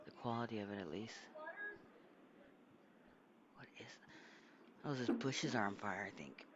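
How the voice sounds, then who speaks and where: A man's voice: lowish voice, animated, a little slow, lo-fi sound, heavy background noise. A man giving casual, offhand reaction commentary on video clips, with frequent short exclamations.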